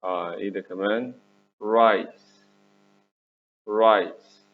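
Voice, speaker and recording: Slow Egyptian teacher, tinny recording. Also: male voice, fairly low pitch, fairly even intonation. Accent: Egyptian Arabic. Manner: drills words for pupils to repeat, with praise. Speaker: English teacher. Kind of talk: teaching vocabulary to children. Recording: tinny phone-like recording with faint hum.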